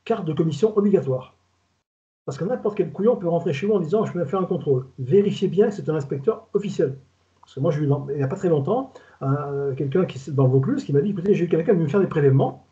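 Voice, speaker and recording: The older guest expert, a retired food safety inspector with a southern French accent, sounds animated and warm, his voice a little high. He talks fast and colloquially in the casual webinar, rambling, stumbling, and repeating words, while the video call audio stays dull and lo-fi.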